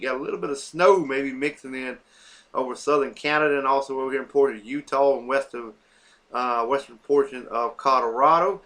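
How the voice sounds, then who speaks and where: A man's voice: mid-range voice, bright, forceful tone. Man walking through weather maps. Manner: halting, many fillers and self-corrections, lists places in a run. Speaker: weather forecaster. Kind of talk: unscripted weather map walkthrough.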